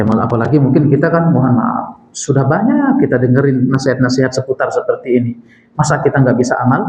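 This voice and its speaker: Male preacher with an Indonesian accent, a slightly high voice, a roomy mosque echo, quizzing the listeners. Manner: asks the audience questions and answers them himself; recites Arabic text then explains it. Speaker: ustadz teaching Quran exegesis. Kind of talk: mosque study-circle sermon. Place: mosque hall. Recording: echoey mosque hall.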